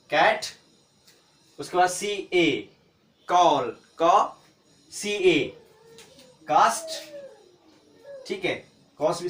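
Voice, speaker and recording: A man teaching an English pronunciation lesson, spelling out letters slowly and asking and answering his own questions. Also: sits high, fairly bright tone, distant mic. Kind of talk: classroom-style phonics lesson. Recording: echoey room, voice from off-mic.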